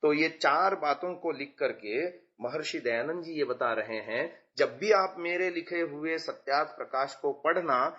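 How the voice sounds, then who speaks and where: Slow-spoken man teaching scripture. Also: on the high side, sharp tone, lo-fi sound. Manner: patient, explains with everyday examples. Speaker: religious teacher explaining a scripture. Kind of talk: explanatory audiobook commentary.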